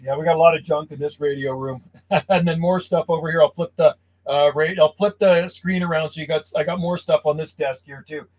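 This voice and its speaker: A man's voice: on the high side, fairly even intonation, a little fast, darkish tone, slight background noise, rough recording. A man chatting casually as a CB radio operator and host, talking in a friendly buddy-to-buddy way from a small radio shack. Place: small insulated radio shack outdoors from the house.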